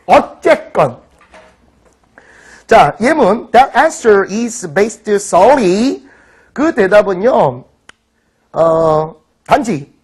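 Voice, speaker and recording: A middle-aged man teaching an online vocabulary lecture in an animated, teasing way, often checking that students follow. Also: sits high, breathy edge. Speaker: English teacher.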